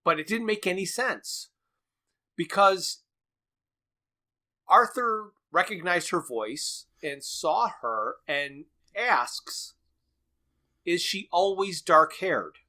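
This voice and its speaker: Man, podcast co-host, casual analytical chat, bright tone, fairly high voice, chuckles often. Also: expressive, takes it slowly. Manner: analytical, recaps plot at length, chuckles often.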